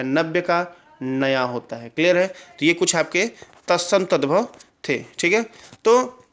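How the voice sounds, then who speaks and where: A man teaching an exam-prep Hindi lesson, drilling correct spellings and checking with quick questions. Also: fairly high pitch. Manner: drills answers with repeated questions and "clear?" checks.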